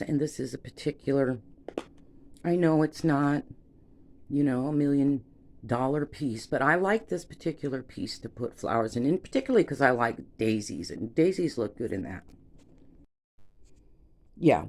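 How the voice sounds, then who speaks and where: A woman's voice: a bass voice, a little mellow. An older woman who resells vintage glass, chatting to her viewers in a rambling, sentimental way. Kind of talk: casual vlog chat.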